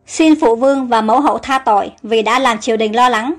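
Woman reading as an earnest young prince, polite, high voice, storybook, faint music. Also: fairly quick, natural voice.

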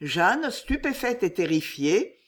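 A woman narrating a classic novel aloud in a measured, expressive way. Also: mid-range voice. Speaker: audiobook reader.

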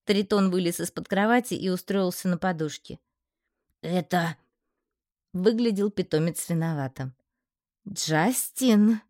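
A woman narrating a first-person fantasy audiobook in a steady, expressive storytelling manner. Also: on the low side, fairly quick, few pauses, dry recording, studio quality.

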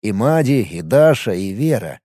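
A man reading a novel aloud as an audiobook narrator, in an expressive storytelling way. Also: fairly low pitch, normal speed, no echo, studio quality. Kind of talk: scripted narration.

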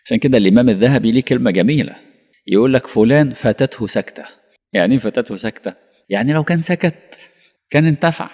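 Fast-talking Egyptian preacher in a reverberant hall. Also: male voice, mid-range voice. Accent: Egyptian Arabic. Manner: animated, rhetorical questions, acts out dialogue. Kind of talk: colloquial religious lesson.

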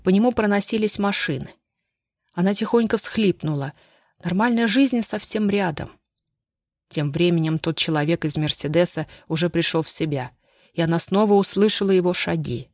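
An audiobook narrator reading a thriller in a steady, measured way. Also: mid-range voice, no room sound, studio quality. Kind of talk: scripted narration.

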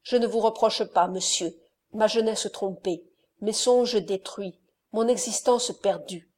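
A woman reading the part of a young wronged countess in an audiobook, with a firm, measured voice. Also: medium pitch, darkish tone, lightly acted.

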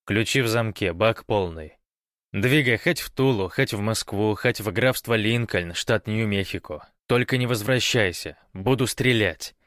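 A man's voice: on the low side, unhurried, a bit bright, no echo, studio quality. A man voicing an angry, threatening gang leader in an audiobook.

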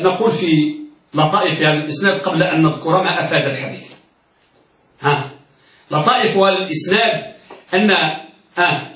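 A man's voice: high voice, sharp tone. A man teaching a classroom lesson as a sheikh. He asks his students questions, answers them himself, and repeats key words. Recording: echoey room from far off.

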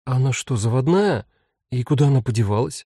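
A man's voice: mid-range voice, animated, a little fast, mellow, breathy edge, dry recording, studio quality. A man voicing a curious, chatty young girl, the younger sister.

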